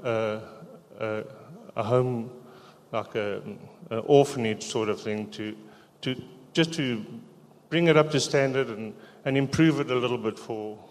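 Halting man, middle-aged. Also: mid-range voice. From South Africa. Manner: halting, hesitant, quiet. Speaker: church member giving testimony. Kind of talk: personal testimony in church. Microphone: handheld microphone. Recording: echoey church hall.

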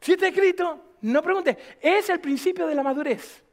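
Pastor guy preaching in church, really high voice, punchy rhetorical questions. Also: moderate pace. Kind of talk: sermon.

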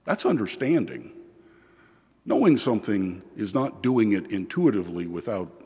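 A man preaching as a priest at church, reading scripture and giving a homily in a measured, deliberate way, with pauses. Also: on the low side, sing-song, warm tone, breathy edge. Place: large church, indoors. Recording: long cathedral echo, large hall.

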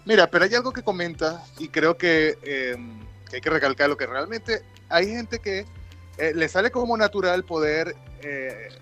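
A man's voice: a little high, lively intonation, moderate pace, pushed and bright, lo-fi sound, soft background music. A man hosting a casual podcast conversation, asking long, rambling questions with a joking touch. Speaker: podcast host.

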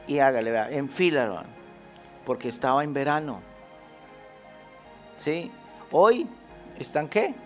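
A man with a slightly high voice preaches a sermon in an emphatic style. He keeps asking the congregation rhetorical questions. Soft music plays faintly behind him. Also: lively intonation, a little slow, long pauses. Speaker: pastor.

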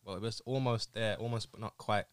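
A young man with a London accent and a fairly low voice chats casually as a podcast host. His talk is slangy banter among friends. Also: steady tone, a little fast, clear, resonant tone, no echo. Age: young adult.

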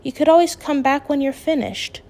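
Reading from a storybook, a woman gives voice to a steady, reasonable middle-aged dad whose speech is calm, practical, measured and gently firm. She places him in a high register, above her own natural pitch.

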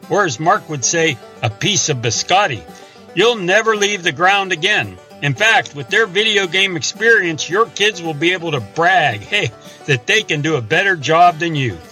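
In a parody radio commercial, a man plays an eager pitchman pushing ridiculous tools. His slightly high voice is bright and forceful, salesy and mock-earnest. Light music plays behind him.

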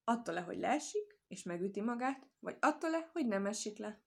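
A woman reading a folk tale aloud as storyteller, calm and measured. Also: medium pitch, gravelly, breathy edge.

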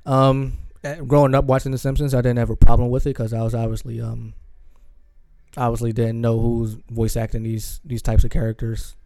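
Laid-back man with a flat, dark voice. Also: medium pitch, fairly quick, no echo. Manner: laid-back, drawling, frequent ums. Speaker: podcast co-host. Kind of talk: casual chat.

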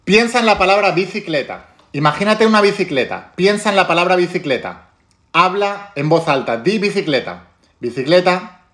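Man, accent from Spain, somewhat high voice, emphatic talk to viewers, repeats key words. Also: lively intonation, brisk, a bit bright. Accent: Spain Spanish. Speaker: spiritual self-help teacher.

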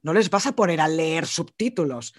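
A man's voice: moderate pace, dry recording, studio quality. A man with a Spanish accent co-hosting a casual film podcast, talking animatedly and swearing casually. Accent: Spanish from Spain. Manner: animated, swears casually, rants with rising pitch. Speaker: podcast co-host. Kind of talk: casual film review chat.

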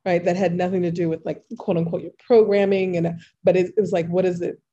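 Woman podcast host, enthusiastic and casual, mellow lowish voice, muffled lo-fi line. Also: little pitch movement, fairly quick. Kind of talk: conversational podcast interview. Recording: dull lo-fi sound.

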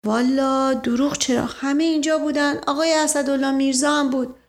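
Woman playing a flustered old storybook servant, rambling and evasive, pitched up high, hedging every answer. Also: steady tone. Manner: rambling, hedging with stock phrases.

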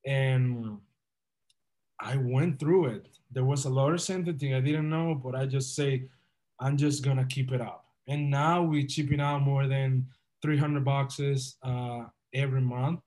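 Here the young Dominican entrepreneur speaks in a mid-range voice with a steady tone, an unhurried pace and a slightly mellow quality. As a podcast guest in a casual interview, he recounts his journey with earnest, upbeat motivation.

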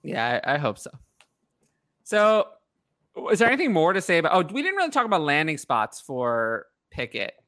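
A man co-hosting a casual sports talk show, chatting in an animated way. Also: fairly high pitch, normal speed. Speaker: podcast co-host.

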